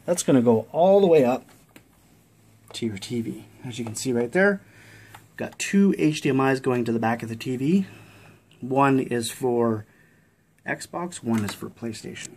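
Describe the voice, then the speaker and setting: A man's voice: medium pitch, lively intonation, unhurried, long pauses, darkish tone. A man talking through a casual step-by-step tech tutorial, out of breath and chatty with fillers.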